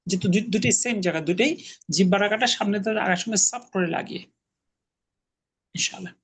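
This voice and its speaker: A man's voice: sits high, a little fast, slightly rough. A man teaching an Arabic class online, patiently explaining grammar and correcting his students' pronunciation.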